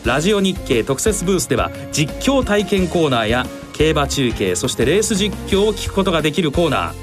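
A man's voice: fairly high pitch, very animated, a little fast, music in the background. A man co-hosting a radio horse racing show, presenting in very polite, formal Japanese.

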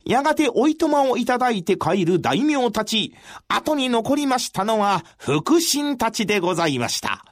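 A male storyteller giving a traditional storytelling performance in a measured, formal recitation with dramatic pauses. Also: extremely high pitch, sing-song, no room sound, studio quality.

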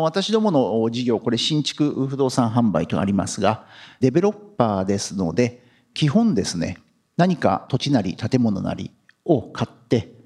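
A man presenting as company president at an investor seminar in very polite, formal business language, with drawn-out filler vowels between phrases. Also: medium pitch, a little mellow, slightly rough.

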